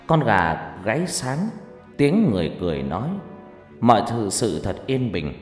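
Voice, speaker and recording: A man's voice: on the low side, a little mellow, reverberant, big-room sound. A man narrating a first-person ghost story in a dramatic, scripted telling.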